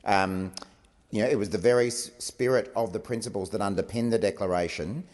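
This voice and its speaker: An Australian man with a fairly deep voice answers formally as a government minister. He words things carefully, with some hesitation. The sound is reverberant, as in a large chamber. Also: brisk, darkish tone. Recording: echoey chamber with long reverb.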